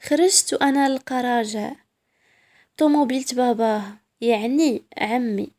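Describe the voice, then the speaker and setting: A woman's voice: on the high side, normal speed, darkish tone. A woman with a Moroccan accent narrating a first-person story in a proud, sassy way.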